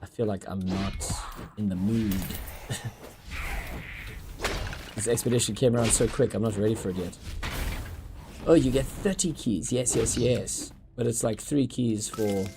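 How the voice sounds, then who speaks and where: A man's voice: fairly low pitch, a little slow, long pauses. A man streaming a game live, chatting casually with his viewers and calling them bro and dude. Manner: laid-back, says bro and dude, talks to chat. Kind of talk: casual live gaming chat. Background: game music.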